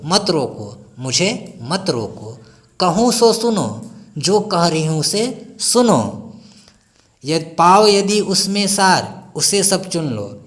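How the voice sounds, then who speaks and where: A male teacher works through a poem line by line, reciting a verse and then restating it in plain words. His voice sits a little high and swings widely in pitch. He speaks at an unhurried pace. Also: fairly bright tone. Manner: recites each verse, then paraphrases it slowly. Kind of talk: explaining a Hindi poem line by line.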